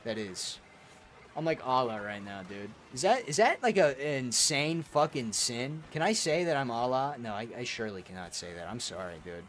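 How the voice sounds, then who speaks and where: A man's voice: medium pitch, animated, normal speed, a bit bright, a little hiss or hum. A young man streaming a kart racing game, reading chat aloud and answering in crude, profane banter. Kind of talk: casual gaming stream chat.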